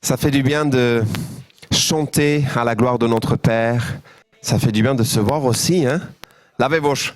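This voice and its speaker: A man's voice: mid-range voice, measured pace, dry recording. A man preaching a sermon as pastor, joyful and engaging his congregation with questions. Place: church.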